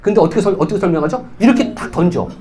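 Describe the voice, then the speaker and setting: A man's voice: high voice, expressive, racing, mellow. A man leading a sales training seminar. He talks emphatically, fires rhetorical questions at his audience and acts out bits of dialogue. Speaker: business team leader giving a seminar.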